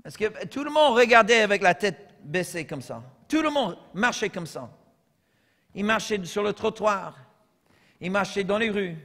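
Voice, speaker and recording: A high, bright-voiced American man preaches a sermon in a church with a long echo. He moves from quiet, humorous asides to loud, shouted lines. His accent carries through every phrase. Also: lively intonation, unhurried. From United States. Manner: humorous storytelling. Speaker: pastor.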